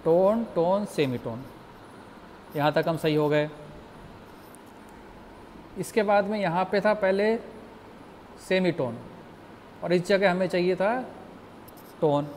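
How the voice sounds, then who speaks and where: A man teaching music theory in a slow, patient lecture, explaining step by step and asking the class questions. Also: sits high, a little mellow, slight background noise.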